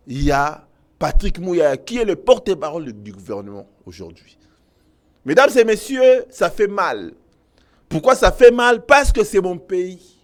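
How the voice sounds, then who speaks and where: Casting: Congolese-accented male commentator, high and animated, emphatic, swings between loud and low. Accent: Congolese French. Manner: emphatic, mixes French and Lingala, swings from loud outbursts to low intensity. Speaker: online news commentator. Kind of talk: impassioned political commentary to viewers.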